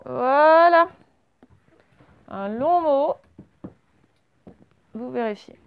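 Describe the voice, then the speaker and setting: A woman leads a dictation lesson for young pupils, drawing out each word and spelling it syllable by syllable. Her voice sits high and her pace is unhurried. The recording sounds dull and muffled. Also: animated. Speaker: primary school teacher.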